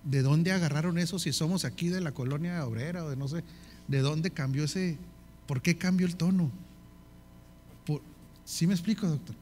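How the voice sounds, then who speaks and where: A man's voice: fairly high pitch, normal speed, long pauses, darkish tone, slight background noise. A man with a northern Mexican accent teaching a leadership course in sermon style, often checking with the audience and listing in repeated phrases. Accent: northern Mexican Spanish.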